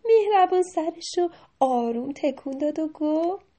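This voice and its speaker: A woman narrating a children's story gently, sometimes dropping to a whisper. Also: high voice, animated. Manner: gentle, soft, slipping into whispers.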